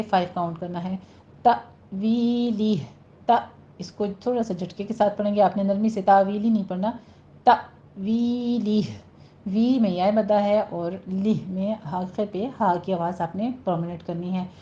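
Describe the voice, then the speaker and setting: Mellow-voiced woman teaching Quran recitation. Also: medium pitch, steady tone. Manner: slow, drawn-out demonstration of each word, then brisk explanation. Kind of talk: recitation lesson. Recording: dull lo-fi sound.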